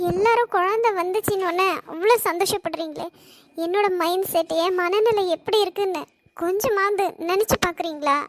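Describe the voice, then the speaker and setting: A sorrowful young wife expecting her first child, voiced by a woman in an animated family story. She speaks in a very high, thin voice with a Kanyakumari Tamil accent, choked with tears and pleading as she talks. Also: a little fast, slight background noise. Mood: distressed. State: crying. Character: young pregnant woman, torn and tearful. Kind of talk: animated family drama voice acting.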